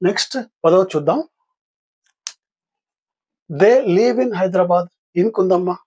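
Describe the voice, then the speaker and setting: An older man with a Telugu accent, his voice a little husky and pitched somewhat high. He teaches English grammar for an exam, patiently putting questions to his listeners and then answering them himself. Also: a little slow, darkish tone, muffled recording. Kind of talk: exam-practice lesson.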